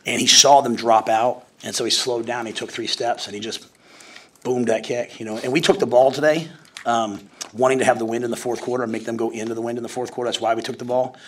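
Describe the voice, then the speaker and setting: Standing at the podium mic after the game, a football head coach in his forties answers reporters rapidly and loosely, often restarting and using fillers. His voice is husky and medium in pitch, with fairly even intonation.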